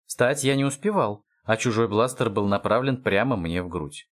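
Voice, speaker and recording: A man reading an audiobook with wry, expressive scripted narration. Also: lowish voice, moderate pace.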